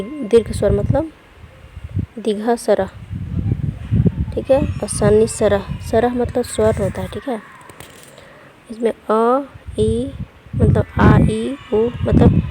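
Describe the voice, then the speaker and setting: Woman teacher, slow careful delivery, mellow low-toned voice, faint background noise. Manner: slow, explains step by step, often checks with "ठीक है"; reads out letters and example words one by one. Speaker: language teacher. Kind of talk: online language lesson.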